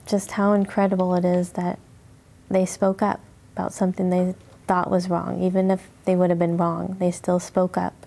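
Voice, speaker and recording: A woman in her thirties in an interview, speaking softly and haltingly as she reflects. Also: on the low side, completely flat delivery, creaky. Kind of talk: emotional interview recollection.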